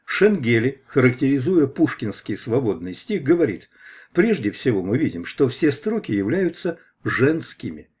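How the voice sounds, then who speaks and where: Man reading with lively intonation. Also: medium pitch, normal speed, slightly rough. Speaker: audiobook reader. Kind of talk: reading a scholarly preface aloud.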